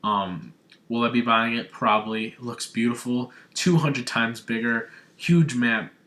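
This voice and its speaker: Young man, from Arizona, gaming vlogger, excited fanboy recap, ordinary pitch. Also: measured pace. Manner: gushing, breathless fanboy enthusiasm. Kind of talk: excited video game recap.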